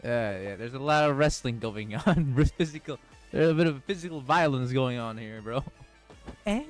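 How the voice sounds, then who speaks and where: Lively-voiced man reading a game story. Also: mid-range voice, normal speed, faint music behind. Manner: reads character lines aloud, breaks off for excited profane reactions. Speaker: gaming streamer.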